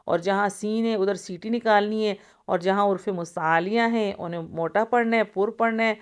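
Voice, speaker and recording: A woman teaches the rules of Quran recitation in a smooth, clear voice. She explains each letter patiently, step by step, and draws out the recited sounds at length. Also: mid-range voice, steady tone. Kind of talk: tajweed lesson, explaining and reciting.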